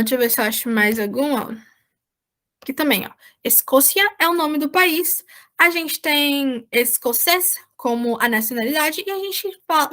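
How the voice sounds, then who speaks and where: High-voiced Brazilian woman teaching online. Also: a bit bright. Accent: Brazilian Portuguese. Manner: explains patiently, checks in with "certo?". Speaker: volunteer Spanish teacher. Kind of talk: online class lesson. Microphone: video call.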